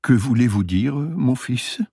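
A man's voice: mid-range voice, animated, takes it slowly, creaky, mellow, husky, no echo, clean studio sound, voice pushed up, exaggerated voice. A man voicing an uneasy young priest. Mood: shaken.

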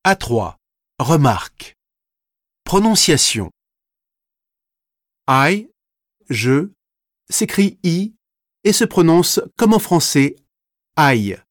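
A man slowly reading a scripted language course, with careful, deliberate articulation. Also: fairly high pitch, very animated, dry recording, studio quality. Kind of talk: scripted instructional narration.

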